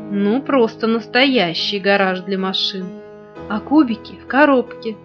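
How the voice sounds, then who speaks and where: A woman's voice: a little high, natural voice. Brief: woman voicing a gossipy storybook book character, lo-fi, guitar bed. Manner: gossipy, telling. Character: chatty rustling female storybook toy. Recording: dull lo-fi recording, faint guitar.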